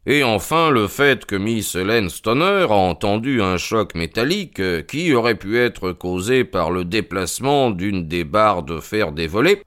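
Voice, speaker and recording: A man playing a calm, ironic detective who reasons and mocks with composure, in an audio drama reading. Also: smooth. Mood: reasoning. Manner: composed and mocking, lively rises in pitch. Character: calm, ironic male detective, sure of himself.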